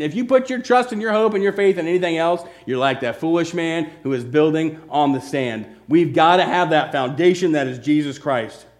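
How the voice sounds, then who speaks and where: A man preaching a sermon, swinging between loud, emphatic bursts and hushed, slow, earnest lines. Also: fairly high pitch.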